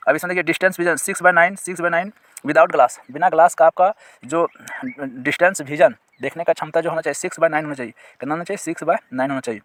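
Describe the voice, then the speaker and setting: A man who teaches exam prep, explaining a recruitment notice to viewers. He reads the notice clauses out slowly, then goes back over them in plain words, asking his audience questions and pointing them to sections on screen. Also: on the high side.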